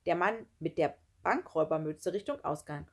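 Husky woman reading a children's story. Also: sits low, normal speed. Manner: lively storytelling. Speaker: reader. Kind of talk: reading a children's book aloud.

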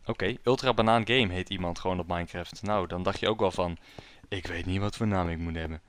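A young gaming YouTuber gives jokey, self-mocking let's-play commentary while playing a video game. His voice is low and a bit bright, and he talks fairly quickly.

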